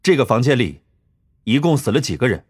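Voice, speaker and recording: A man voicing a calm, cool-headed young man who speaks flatly and without hurry. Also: mid-range voice, breathy edge, no echo, studio quality. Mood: cold. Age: young adult. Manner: flat and unhurried.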